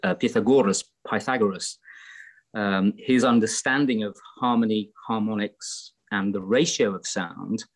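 A man's voice: on the low side, fairly even intonation, moderate pace. A middle-aged English man on a video call from home, talking in a reflective, rambling way with many fillers and restarts. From England. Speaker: guest musician. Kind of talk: casual interview chat. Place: home room in Greece, indoors. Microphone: laptop webcam on a video call.

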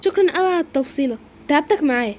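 A woman with an Egyptian Arabic accent voicing a timid young woman who stammers in a high, fearful voice. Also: expressive, very fast, slight background noise. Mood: polite. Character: timid young woman, frightened then shy.

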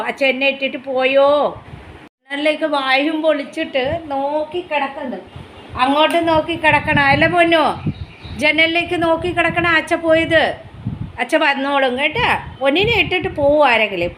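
A woman coos at her pet dog in a high, sing-song voice, all fond baby talk. She is filming on a phone at home, with a faint hum behind her. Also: a bit bright. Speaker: pet vlogger. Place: home indoors.

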